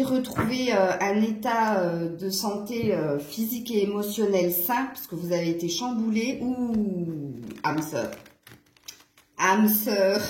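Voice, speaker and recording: A card reader from eastern France gives a casual, chatty tarot reading to camera, frequently stopping to laugh or scold her cat. Her southern French accent is fading toward Franche-Comté, and her medium-pitched voice sounds darkish and reverberant.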